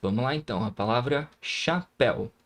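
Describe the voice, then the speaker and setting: A man's voice: medium pitch, animated, normal speed, a bit bright. A man with a Brazilian Portuguese accent teaching a recorded grammar lesson, patiently sounding out syllables and often checking in with the viewer.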